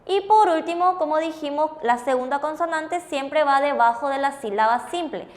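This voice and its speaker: Female teacher, high-pitched, patient, repeats and confirms each answer. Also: normal speed. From Paraguay. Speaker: language teacher co-hosting. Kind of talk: classroom explanation with questions.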